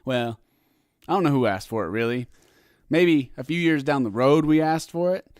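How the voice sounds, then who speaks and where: A man co-hosting a podcast, chatting casually about movies in an animated, goofy way. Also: mid-range voice, moderate pace, clean tone, no room sound, studio quality. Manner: animated, goofy, sings and does voices. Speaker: podcast co-host.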